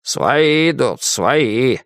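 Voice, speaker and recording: A man's voice: mid-range voice, animated, extremely slow, a bit bright, no room sound, clean studio sound, full character voice. A man doing a grumpy old house spirit. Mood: grumbling. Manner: grumpy, reproachful, old-fashioned. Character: fussy old male house spirit, bearded. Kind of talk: audiobook character voice.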